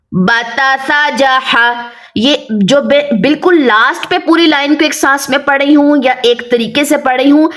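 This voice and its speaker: A woman with a Pakistani Urdu accent, teaching a Quran reading lesson and patiently drilling syllables, slowly and with repetition. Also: high voice, a bit bright. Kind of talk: step-by-step recitation lesson.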